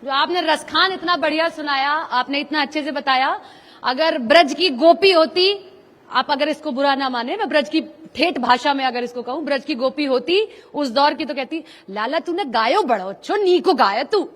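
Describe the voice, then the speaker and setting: High-voiced woman thanking a guest in a hall. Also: normal speed, fairly bright tone. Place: large hall on stage. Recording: long hall reverb.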